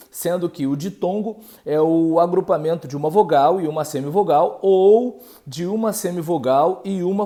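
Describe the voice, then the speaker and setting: A man teaching a grammar lesson, speaking haltingly with many fillers and checks, and sounding out syllables and letters. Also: on the high side, mellow. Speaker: Portuguese language teacher.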